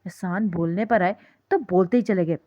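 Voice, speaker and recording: A woman's voice: fairly low pitch, no room sound. Woman narrating a novel, dull recording. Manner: steady storytelling read.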